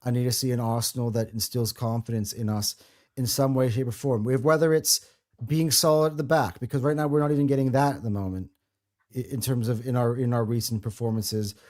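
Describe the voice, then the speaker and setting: A man's voice: medium pitch, steady tone, a little fast, a little mellow. A man hosting a football podcast, talking with passion and rambling through restarts. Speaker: podcast host. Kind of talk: casual football podcast chat.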